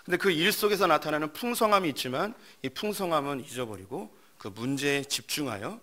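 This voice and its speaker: A male pastor preaching a sermon, explaining the point in a measured, storytelling way. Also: on the high side, expressive, sharp tone. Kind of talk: sermon with acted-out skits.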